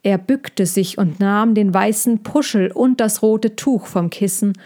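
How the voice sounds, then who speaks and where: A woman reading a children's storybook aloud in a calm, measured way. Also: medium pitch. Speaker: narrator.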